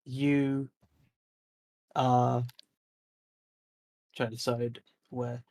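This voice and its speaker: A man narrating as game master of a tabletop role-playing session, in a measured, unhurried way with frequent filler words. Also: medium pitch, level tone, darkish tone.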